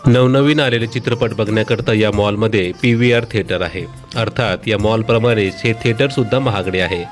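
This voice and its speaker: A man in his thirties giving a scripted, deadpan comic voice-over for a travel vlog. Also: fairly low pitch. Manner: deadpan wry humor.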